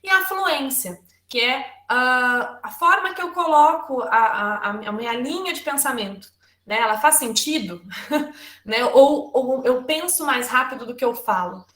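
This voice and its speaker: Woman lecturer on a webinar, slightly high voice, conversational and loose, checks in with "right?" tags often; roomy, echoey sound. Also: animated, measured pace, a bit bright. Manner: conversational, frequent "né?" tags and restarts.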